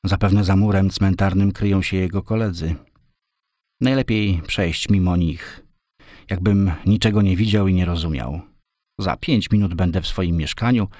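A man's voice: low voice, a little mellow, no echo, studio quality, lightly acted. A man reading the cautious inner thoughts of a bespectacled man with a cane in a story. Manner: hesitant inner musing.

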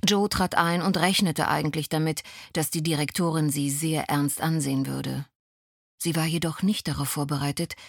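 A woman reading a novel aloud as an audiobook narrator, in calm, even storytelling. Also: low-pitched, slightly rough, no echo, studio quality. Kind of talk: scripted narration.

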